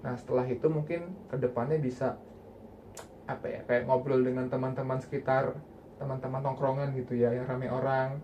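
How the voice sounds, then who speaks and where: A man's voice: medium pitch, flat delivery, brisk, mellow. A young man facilitating a group counselling session with casual, conversational guidance. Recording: faint background noise.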